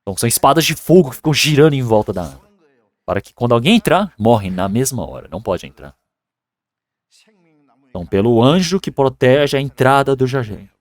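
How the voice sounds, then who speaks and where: Lively male preacher, mid-pitched, telling the story with acted-out voices. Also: brisk, no echo. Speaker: pastor. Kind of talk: sermon. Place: church.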